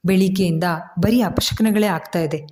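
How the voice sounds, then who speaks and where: A woman's voice: mid-range voice, normal speed, warm tone, slight background noise, lightly acted. A woman voicing a frightened young wife. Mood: anxious. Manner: pleading, breathless worried questions.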